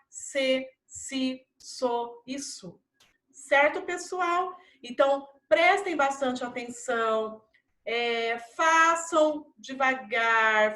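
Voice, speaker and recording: Slow, bright-voiced Brazilian schoolteacher. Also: female voice, high voice, reverberant. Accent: Brazilian Portuguese. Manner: slow, drawn-out pronunciation of example words; patient and encouraging. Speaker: primary school teacher. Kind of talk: recorded classroom lesson.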